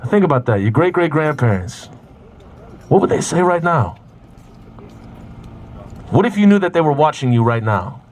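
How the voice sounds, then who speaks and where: A man speaking at an outdoor rally, guiding the crowd through a reflection and shouting chants for them to repeat. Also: on the high side, sing-song, moderate pace, pauses often. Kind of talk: rally call-and-response. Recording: crowd and street noise outdoors.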